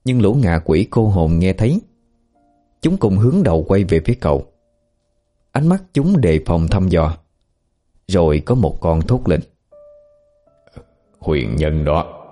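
A man narrating a horror story in a slow, grave storytelling manner. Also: sits low, sing-song, mellow. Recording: faint background music.

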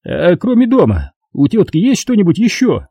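A fat, greedy, pompous middle-aged notary from an audiobook, as a male reader puts him on, talking down to people in a shrill, squealing voice. The tone is husky and dark under the raised pitch, and the lines leap up and down. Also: wildly swooping pitch, normal speed, dry recording, full character voice. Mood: condescending, greedy. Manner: condescending and grasping.

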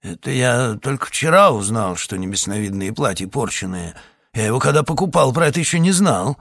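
A man's voice: medium pitch, animated, fairly quick, creaky, fairly bright tone, no room sound, clean studio sound. A man voicing a wary, greedy ferryman who grumbles and dodges questions, read as an audiobook. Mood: sullen. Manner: grumbling and evasive. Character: wary, greedy middle-aged ferryman, evasive liar.

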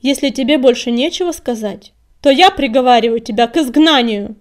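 A woman's voice: high-pitched, a little fast, natural voice. A woman doing a stern she-cat leader. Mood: stern verdict. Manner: sharp, harsh, shouting orders. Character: stern female clan leader cat, commanding.

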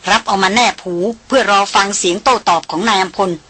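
A woman narrating a novel as an audiobook in a steady storytelling manner. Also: mid-range voice, fast, a little hiss or hum.

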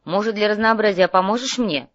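A woman's voice: mid-range voice, fairly quick, lo-fi sound, pitched above the performer's own voice, close to an everyday voice. A woman voicing a grumpy, thrifty male mage analyst who grumbles and nags his partner. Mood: grumbling. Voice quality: grumbling, sarcastic.

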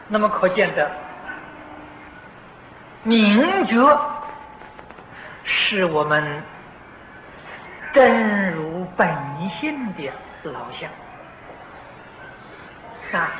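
A man's voice: sits high, sing-song. Older man giving a patient sutra lecture. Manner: slow and patient, many drawn-out "ah" fillers; clears throat now and then. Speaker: Buddhist teacher. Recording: dull, roomy, noisy old tape of a lecture hall.

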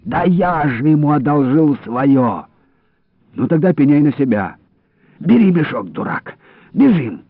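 A man narrating a story in a lively, expressive reading voice. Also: lowish voice, dry recording. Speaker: audiobook reader. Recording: dry, phone-like narrow sound.

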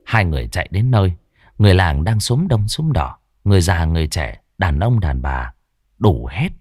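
A man narrating a ghost story in a dramatic, expressive storytelling manner. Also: deep voice, normal speed, slightly rough, dry recording, clean studio sound.

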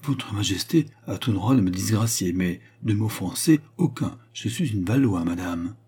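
A man's voice: fairly low pitch, expressive, normal speed, a little mellow, husky. A man reading an audiobook, voicing a scheming noblewoman who answers with feigned humility. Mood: feigned meekness. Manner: guarded, falsely meek.

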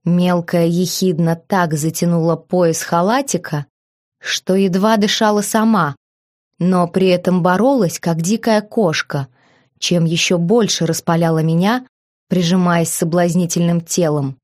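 Woman narrator, romance audiobook, low voice, steady and intimate. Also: a little slow. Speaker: audiobook reader.

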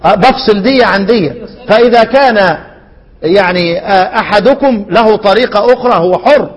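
A man with an Egyptian accent teaching a recitation poem in class, chanting its verses slowly and asking his students to finish his questions. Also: high-pitched, big-room sound. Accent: Egyptian Arabic. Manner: asks questions and lets students fill in the answer.

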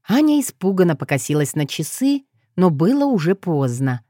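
A woman's voice: lowish voice, very animated, moderate pace, warm tone, no room sound, studio quality. A woman narrating an audiobook, reading expressively and voicing the dialogue. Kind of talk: scripted narration.

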